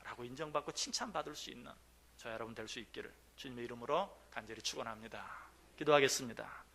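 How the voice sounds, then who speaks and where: A male pastor preaching a sermon in a church, moving from quiet pleading to loud exclamation and voicing God and the believer in quoted dialogue. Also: medium pitch, fast, gravelly. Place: church sanctuary.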